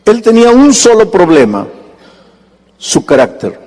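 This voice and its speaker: Male pastor, slightly high voice, sermon with acted-out dialogue, long reverb of a big hall. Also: sing-song, measured pace, darkish tone. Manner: storytelling preacher, acting out dialogue with sudden high-pitched bursts.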